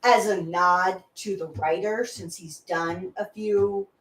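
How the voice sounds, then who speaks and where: A woman co-hosting a casual livestream discussion, animated and teasing. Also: medium pitch, slow pace, far from the mic. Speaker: co-host. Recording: echoey room, off the mic.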